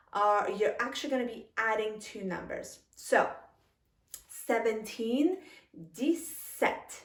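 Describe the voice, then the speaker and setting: A woman teaching a language lesson, speaking patiently, repeating each word and chuckling now and then. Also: a little high. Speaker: French teacher. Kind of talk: slow, careful language lesson. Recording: roomy echo, a little far from the mic.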